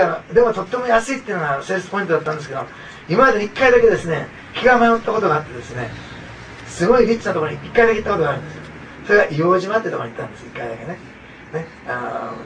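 A man pastor delivering a sermon in an earnest, repetitive way, leaning on little asides to his listeners. His fast, gravelly voice sits a bit high and is picked up from some distance, with faint room noise behind. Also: lively intonation, lo-fi sound.

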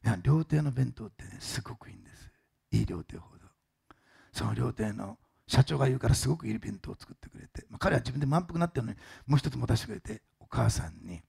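Very gravelly, husky male preacher. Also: medium pitch. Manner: animated, dramatic storyteller. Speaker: pastor. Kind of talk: storytelling sermon.

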